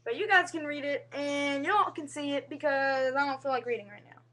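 A woman's voice: sits high, normal speed, a bit bright. A young woman vlogging casually to a webcam at home, rambling earnestly with frequent restarts and fillers. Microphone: webcam mic.

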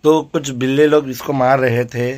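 A man's voice: mid-range voice, fairly even intonation, moderate pace, darkish tone, a little hiss or hum. Man chatting in a family vlog. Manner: chatty, coaxing a pet cat. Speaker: vlogger. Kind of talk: casual family vlog chat.

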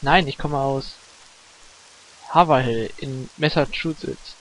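A man's voice: medium pitch, slow pace, fairly bright tone, rough recording. A man voicing a weary middle-aged male hitman in his own plain voice, reading game dialogue with restarts. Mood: weary, earnest.

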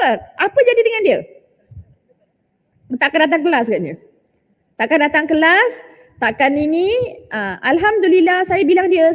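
A middle-aged woman teaching a religious lecture to women, telling stories in an animated way and dropping in English phrases. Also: high-pitched, long reverb tail.

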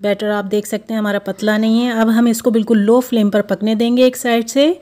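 A woman walks through a recipe step by step. She talks in a steady, instructive way, often repeating each step. Her voice comes from a home kitchen. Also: fairly high pitch, fairly quick. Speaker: cooking show host.

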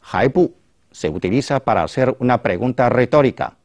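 A man hosting a language lesson, calmly explaining phrases and translating them. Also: medium pitch, normal speed, no echo. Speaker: language teacher and host. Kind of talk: explaining Chinese to a Spanish-speaking audience.

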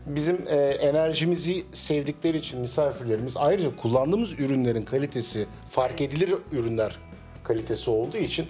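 Middle-aged man, cafe owner, measured speech, hesitant fillers, handheld mic, small cafe, faint music. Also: mid-range voice, darkish tone. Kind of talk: business interview. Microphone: handheld interviewer mic.

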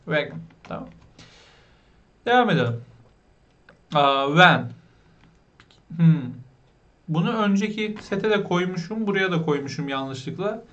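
A man teaching basic English vocabulary, explaining patiently, asking learners questions and pronouncing words slowly. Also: sits high, expressive, fairly bright tone, dull audio. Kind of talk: vocabulary lesson.

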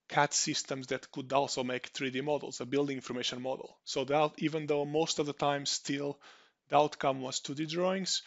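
A man's voice: medium pitch, dull audio. A man from Portugal with a Portuguese accent, giving an online conference presentation with frequent restarts and fillers. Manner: hesitant, many restarts and fillers. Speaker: conference speaker.

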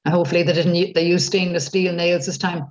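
A woman's voice: lowish voice, little pitch movement, fast, a little mellow. A middle-aged Irish woman gives an informal guided-tour talk, chatty and rambling with hesitations, over a video call. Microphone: computer mic on video call. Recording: muffled video-call audio.

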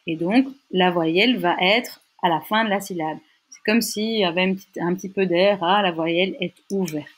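A young woman teaching a language lesson, patiently sounding out syllables and checking in often with her listeners. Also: lowish voice. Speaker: Dutch teacher. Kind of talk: explanatory lesson.

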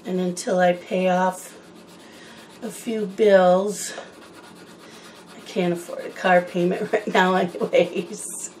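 A woman's voice: on the low side, flat delivery, takes it slowly, long pauses, darkish tone, slight background noise, rough recording. A woman chatting in a rambling, casual way while she colors, wandering from one topic to the next. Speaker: coloring channel host.

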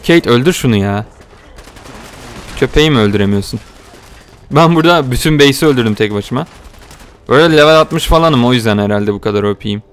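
A young man giving casual, joking gameplay commentary, talking to viewers and getting excited during the action. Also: medium pitch, a little fast, long pauses, a little hiss or hum. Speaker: gaming video host.

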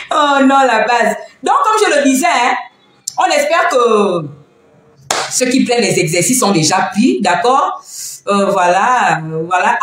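A woman hosting a casual live stream from home, talking in an animated, teasing way and laughing often. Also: medium pitch. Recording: very echoey room, faint background noise.

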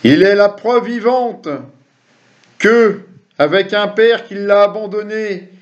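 A middle-aged guy at his desk reads quiz questions to camera, slow and jokey, with a voice that sits high and chatty asides for viewers. He's in a small room at home using a webcam or computer mic, so the sound comes out muffled and lo-fi.

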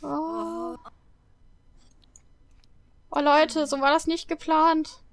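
A young German woman giving chatty, excitable commentary on a life-simulation game, full of nervous exclamations. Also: high voice, drawn-out words. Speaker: let's play host. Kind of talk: casual gameplay commentary.

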